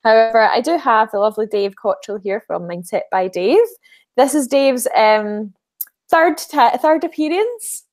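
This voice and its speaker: A woman's voice: fairly high pitch, a little slow, a little mellow. A woman hosting a live online broadcast, bubbly and giggly, introducing her guests with many ums. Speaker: live-stream host.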